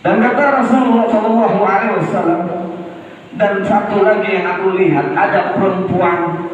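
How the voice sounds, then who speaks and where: A male preacher giving a Ramadan sermon, telling a story and slowing down to stress his words. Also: sits high, fairly even intonation, a little hiss or hum. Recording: echoey hall, preacher far from the mic, dull sound.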